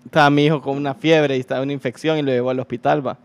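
A man in his thirties with a Honduran accent, telling an animated anecdote to friends and repeating words for emphasis. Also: medium pitch, very fast. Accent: Honduran Spanish. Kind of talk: casual storytelling among friends.

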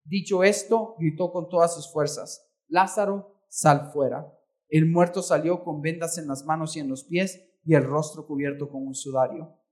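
High-voiced male pastor reading scripture. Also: fairly even intonation, moderate pace, a little mellow. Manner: reads scripture aloud, then explains it; corrects his own misreadings. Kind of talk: bilingual sermon with interpreter.

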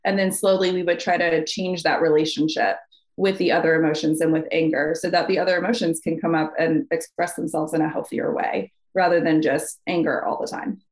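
A woman mental health counselor, a podcast guest, explaining calmly and walking through worked examples. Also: sits low, a little fast. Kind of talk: podcast conversation.

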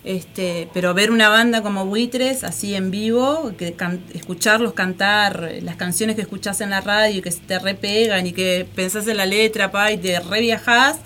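A woman from Argentina hosts a casual radio chat, asking questions in a chatty, emotional way. Her voice is bright and forceful. Faint ambient noise sits behind her. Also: medium pitch, fairly even intonation, normal speed, few pauses. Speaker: radio host.

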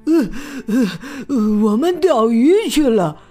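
A woman's voice: high-pitched, big pitch swings, measured pace, mellow, faint music behind, exaggerated voice. A woman voicing a chubby, timid chick in a storybook who drawls and hesitates. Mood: hesitant.

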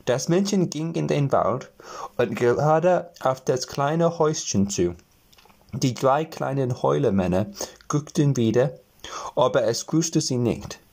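A man reading a fairy tale aloud as a storyteller, telling it gently and now and then addressing the listeners. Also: medium pitch, lively intonation, unhurried, vocal fry.

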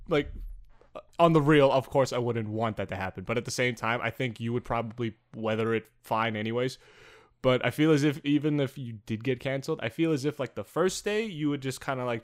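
Rambling, teasing young podcast man. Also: medium pitch. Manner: rambling, teasing, filler-heavy. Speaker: podcast co-host. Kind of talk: casual crude banter.

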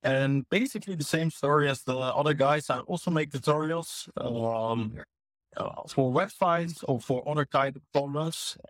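A man's voice: a little high, normal speed, no echo. Man, brief and hesitant. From Netherlands. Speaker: guest YouTuber.

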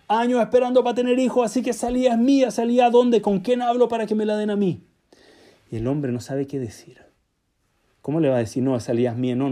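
A man telling a religious story as a sermon, acting out the characters' dialogue in an animated way. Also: a little high.

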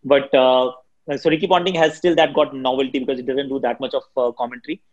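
The lo-fi audio captures a Delhi cricket commentator, a first-language Hindi speaker with an Indian accent, replying to interview questions. He speaks rapidly, shrilly and with lots of energy.

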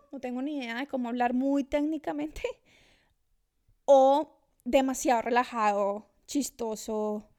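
A woman's voice: sits high, a little mellow. A woman in her thirties chatting casually and reflectively, with many restarts. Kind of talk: casual conversation. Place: Australia.

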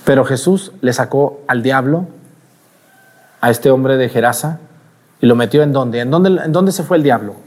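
Animated priest preaching at mass. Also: male voice, mid-range voice, moderate pace. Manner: animated, asks the congregation rhetorical questions. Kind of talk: sermon at mass.

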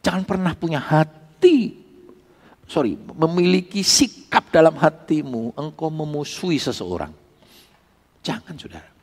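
A man's voice: fairly high pitch, expressive, measured pace, pauses often, a little mellow. A male pastor, preaching an emphatic sermon and calling out to the congregation. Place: church. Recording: long reverb of a church hall.

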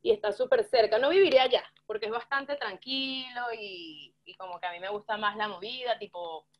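A woman's voice: medium pitch, brisk, highs cut off. A young woman from Venezuela with a Venezuelan Spanish accent mixed with some Argentine words, chatting casually as a guest. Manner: chatty, animated, slangy, laughs often. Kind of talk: casual chat.

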